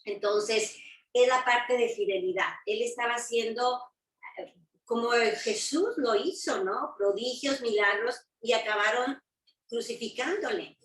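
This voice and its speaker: A woman's voice: on the high side, a little slow, fairly bright tone. A woman teaching a Bible study lesson, reading verses aloud, explaining them, and checking in with her listeners through short tag questions. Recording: roomy sound from a distance.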